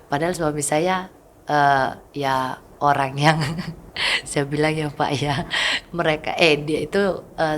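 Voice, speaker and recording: Guest, woman in her thirties, low voice, candid storyteller who acts out the lines of the people she quotes. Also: a bit bright, slight background noise. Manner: candid storytelling, often acting out what others said. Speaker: mother of a child with a rare condition, interview guest. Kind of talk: casual interview talk.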